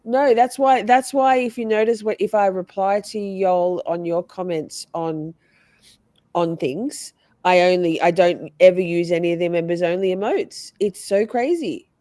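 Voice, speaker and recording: A woman's voice: lowish voice, a little slow, warm tone, no echo, studio quality. A woman with a nasal voice hosting a casual livestream, bantering and swearing freely as she talks with her co-host and viewers.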